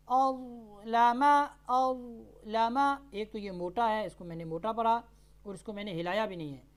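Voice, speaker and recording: A woman teaching tajweed who spells out letters and vowel marks, then recites each word slowly and drawn out. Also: mid-range voice, a little mellow. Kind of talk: tajweed lesson.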